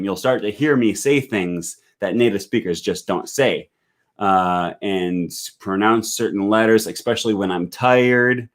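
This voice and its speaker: With a fairly low voice, an American man hosting a language-learning live stream reads viewer comments aloud, thinking on his feet with frequent fillers and restarts.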